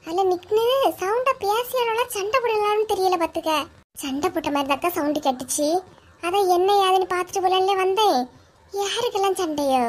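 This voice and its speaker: A woman's voice: extremely high pitch, brisk. A woman with a Kanyakumari Tamil accent voicing a nosy, gossipy village neighbor in a comic cartoon. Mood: curious. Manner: curious, gossipy.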